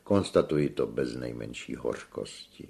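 A man reading a story aloud, voicing a flamboyant, self-important male opera singer in a loud, theatrical way. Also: very deep voice, animated, gravelly, exaggerated voice. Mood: pompous. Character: flamboyant vain male opera tenor, grand.

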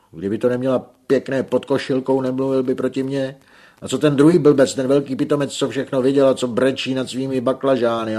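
A man's voice: mid-range voice, close to an everyday voice. Man doing a frantic lovesick peasant, Igolén. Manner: pleading, loud and tearful. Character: desperate lovesick young peasant man, ugly and pleading.

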